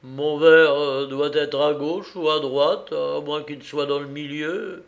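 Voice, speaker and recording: A man voicing a loud, tipsy male reveler who declaims boisterously, slowly and with raised pitch. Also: steady tone, vocal fry. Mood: drunken bluster. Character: loud drunken male reveler hunting his glass.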